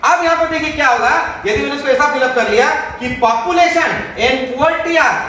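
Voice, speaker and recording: High-voiced Indian teacher in echoey room. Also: male voice, normal speed, pushed and bright. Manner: mixes English and Hindi, repeats questions to pupils and answers them himself. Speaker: grammar teacher. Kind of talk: classroom grammar lesson. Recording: very echoey room with faint noise.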